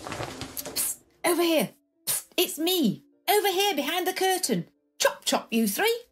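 A woman's voice: extremely high pitch, sing-song, moderate pace. A woman voicing a posh older lady full of old-fashioned slang. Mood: chatty. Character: plummy upper-class woman Rose, tired.

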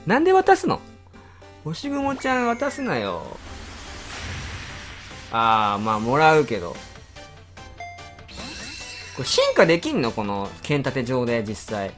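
A man commenting live on a game he is playing, his voice swinging widely in pitch as he exclaims and grumbles at what he sees. Faint music plays behind him. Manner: excitable, exclaiming reactions and rapid grumbling. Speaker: game channel host.

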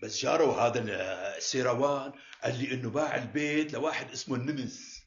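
Male actor as deferential Damascene henchman, medium pitch, earnest, TV period drama, muffled echoey recording. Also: steady tone, fast talker, close to an everyday voice. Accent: Damascene Syrian. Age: middle-aged. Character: deferential middle-aged henchman reporting to his chief.

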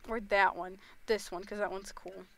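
A woman's voice: medium pitch, steady tone, moderate pace, creaky, a bit bright. A teenage girl streaming a game, talking casually and rambling with lots of fillers. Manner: rambling, chatty, full of fillers like "you know" and "like". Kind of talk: casual game livestream chat.

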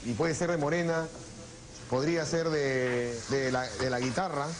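In a noisy restaurant recording, a calm, middle-aged Peruvian man with a mid-range voice walks through his recipes while cooking, taking his time and repeating words at the stove. Afterward, in the dining room, the chef recalls the food he grew up with at home.

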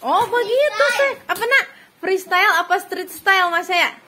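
A woman with an extremely high, sharp-toned voice and lively intonation talks at a normal speed while filming children for a family vlog. It's casual chatter, and she coos, cheers and laughs often as she speaks to them.

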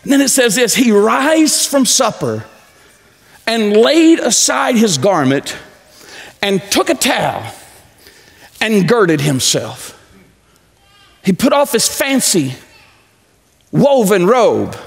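A pastor in his forties preaching a sermon on a large church stage, pacing as he talks and swinging from loud to low. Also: big pitch swings, takes it slowly, gravelly, pauses often. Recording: echoey church hall.

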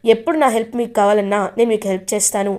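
Woman reading a loyal young man, earnest and respectful, her own fairly high voice. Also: fairly even intonation, racing, mellow, close to an everyday voice.

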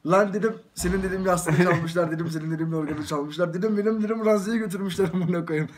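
A man's voice: high-pitched, fairly even intonation, fast talker, a little hiss or hum. A young soldier telling a story in casual chat, breaking his quoted speech up with constant "I said" tags. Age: young adult. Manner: storytelling, repeats "dedim" after every phrase. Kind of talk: casual anecdote.

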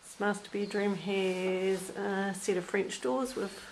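A woman's voice: mid-range voice, little pitch movement, slight background noise, low-quality recording. New Zealand woman touring a rental. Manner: plain, listing features one by one with brief pauses. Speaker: rental property agent. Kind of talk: unscripted property walkthrough narration. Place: inside and around a small empty house.

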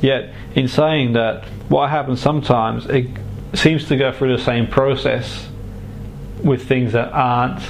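Man, hypnotherapist, medium pitch, gravelly fry, deliberate halting phrases, guided-session style, slight background noise. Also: steady tone, low-quality recording. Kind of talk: guided relaxation and explanation to a client.

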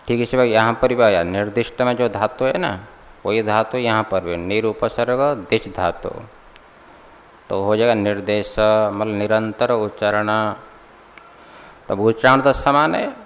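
A low-voiced man leads a scripture class at a very unhurried pace. He explains each point deliberately and keeps checking in with his students through questions. His voice rings with a long hall reverb. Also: a bit bright. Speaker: Sanskrit scripture teacher. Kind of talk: classroom commentary lecture.

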